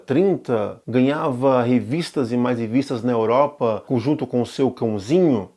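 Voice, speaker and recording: Chatty man with a mellow voice. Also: on the high side. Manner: chatty, asks rhetorical questions, self-corrects. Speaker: show host. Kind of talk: casual explainer monologue.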